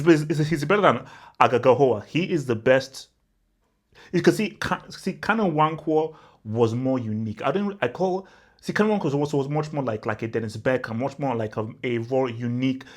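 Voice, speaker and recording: On his football channel, a young Nigerian man talks in a loose, excited vlog style at an ordinary middle pitch. He's animated and emphatic, hammering points with repeated "bro" and spiraling into piled-up exaggerations in casual commentary.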